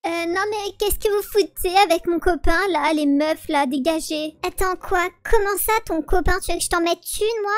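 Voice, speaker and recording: Woman doing a squeaky brash rival teen girl. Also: moderate pace, few pauses, no room sound, faint music behind. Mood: aggressive. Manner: insulting, brash.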